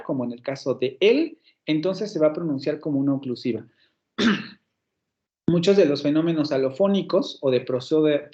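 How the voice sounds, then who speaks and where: A man with a Mexican Spanish accent teaches a university phonetics class online, his voice sitting a little high. He thinks aloud as he explains, stopping to correct himself. The audio is somewhat dull, like a computer mic on a video call. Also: darkish tone. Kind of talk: online lecture.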